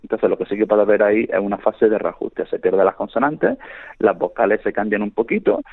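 Fast-talking man on a phone line. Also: fairly low pitch, animated, dry recording. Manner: explanatory, halting with frequent restarts. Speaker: linguist guest. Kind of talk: radio phone interview. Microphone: telephone. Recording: tinny phone line into a radio studio.

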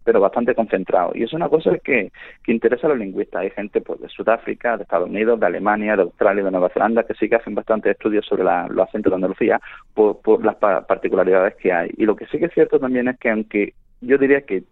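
Fast-talking man on a phone line. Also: fairly low pitch, no room sound. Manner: explanatory, halting with frequent restarts. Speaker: linguist guest. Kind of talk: radio phone interview. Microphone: telephone. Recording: tinny phone line into a radio studio.

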